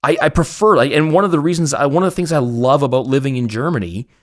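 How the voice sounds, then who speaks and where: The same sort of Canadian podcast host talks quickly here, his pitch fairly high. It's a rambling, casual personal chat, delivered with a joking, self-deprecating manner.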